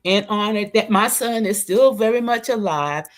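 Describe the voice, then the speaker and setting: An older woman poet reading her verse and chatting, slow and prayerful with long pauses. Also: mid-range voice. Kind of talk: poetry reading and chat.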